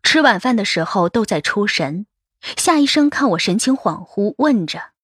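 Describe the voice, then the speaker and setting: A woman's voice: mid-range voice, expressive, moderate pace, husky, dry recording, clean studio sound. A woman narrating a first-person novel as an audiobook, in a wistful, emotive storytelling manner.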